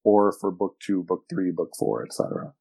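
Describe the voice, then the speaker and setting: A man's voice: low-pitched, expressive, normal speed, vocal fry, mellow, husky. A middle-aged man speaking as a podcast guest, reflective and rambling, often restarting his sentences. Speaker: guest, fantasy author and editor. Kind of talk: podcast conversation.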